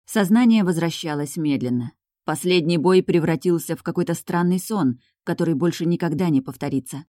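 A woman reading an audiobook in a calm, measured narrating voice. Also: fairly low pitch, no room sound, clean studio sound. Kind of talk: scripted narration.

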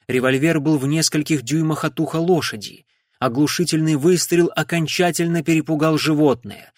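A man reading an audiobook in a measured, dramatic way. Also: medium pitch, no room sound, studio quality. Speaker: audiobook narrator. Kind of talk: audiobook narration.

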